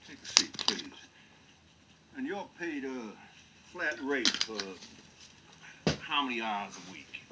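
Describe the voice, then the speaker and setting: Courtly movie detective, icy polite questioning, really swoopy delivery, muffled w music behind. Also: male voice, medium pitch, animated, heavy background noise. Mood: coolly polite. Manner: coolly polite, probing, deliberate interrogation. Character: courtly, probing male private detective, genteel and theatrical. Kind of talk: film drama dialogue.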